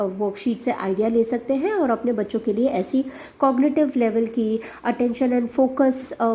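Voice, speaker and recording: The host of a special education channel, a woman with a fairly high, mellow voice, explains worksheets to parents. She speaks Hindi hesitantly, using many fillers and mixing in English.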